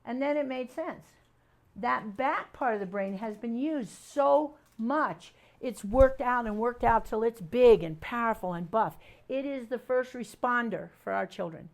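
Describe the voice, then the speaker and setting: An older woman giving an animated training talk to parents, telling stories and acting out voices as she explains. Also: a little high, measured pace. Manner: lively storyteller, acts out voices.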